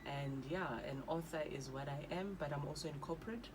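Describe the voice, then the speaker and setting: A South African author and evangelist in her thirties is a guest in a radio studio, speaking earnestly and switching languages mid-sentence. Her voice is low-pitched and brisk, with background noise behind her.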